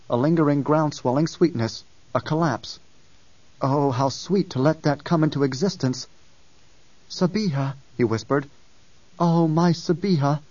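A man narrating an audiobook in a steady, measured reading. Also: mid-range voice, no echo. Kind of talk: scripted narration. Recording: dull distant dry recording.

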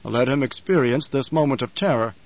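A man voicing an older tyrant baron for an audiobook, coldly controlled and scheming, with a mocking, deliberate, imperious manner. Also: mid-range voice, close to an everyday voice. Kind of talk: audiobook character voice. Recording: slightly dull, lo-fi audio.

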